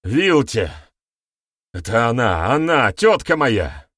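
A man voicing a frightened, desperate young male accuser who shouts and pleads. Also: mid-range voice, very animated, slow pace, no room sound, studio quality, full character voice.

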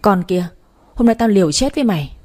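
A woman's voice: medium pitch, animated, fairly quick, mellow, close to an everyday voice. A woman reading a storybook, voicing a furious, abusive jealous wife who hurls insults. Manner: screaming insults.

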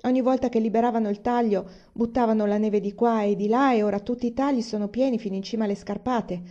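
A woman voicing a steady pioneer father who talks calmly and reassuringly, in a slightly muffled recording. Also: a little high, quick pace, voice pushed up, lightly acted. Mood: grave. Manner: calm, reassuring.

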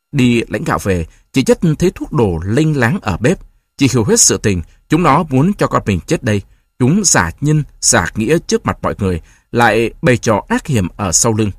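A man's voice: mid-range voice, no echo, clean studio sound. A man narrating an audiobook expressively.

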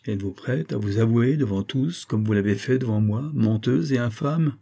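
A man reading a novel aloud and voicing a composed male investigator with measured, questioning speech. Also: medium pitch, creaky, warm tone. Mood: grave. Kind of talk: audiobook reading.

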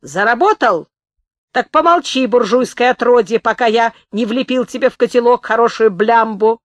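A woman reading an audiobook, voicing a male bandit chief who shouts in a tearful, whining voice. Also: mid-range voice, steady tone, a little slow, no room sound, lightly acted. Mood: shouting, mocking. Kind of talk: audiobook character voice.

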